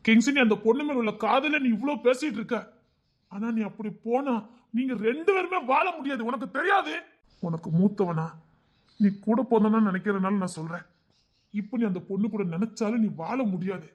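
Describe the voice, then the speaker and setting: A man's voice: high voice, animated, brisk. A man with a Tirunelveli Tamil accent voicing an urgent, scolding older-brother ally in an audio story. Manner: pressing, scolding, rising to shouts. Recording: dull lo-fi recording.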